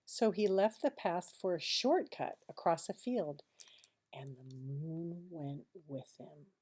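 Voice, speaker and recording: A woman reads a children's picture book aloud like a teacher, expressively, with dramatic pauses and hushed asides. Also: on the low side, slightly rough.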